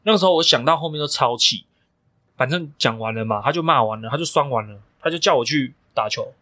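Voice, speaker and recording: A man's voice: mid-range voice, animated, fast talker, bright, forceful tone, dry recording. A young man, a coach co-hosting a podcast, telling stories emphatically and swearing freely. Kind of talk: casual podcast chat.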